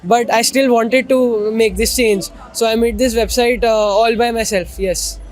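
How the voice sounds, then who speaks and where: A teenage boy speaks in a high, youthful voice with a posh, educated Indian accent. His intonation stays quite flat as he gives polite, articulate answers as a student being interviewed. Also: measured pace. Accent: educated Indian English. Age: teenager, about 15. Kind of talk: earnest interview explanation.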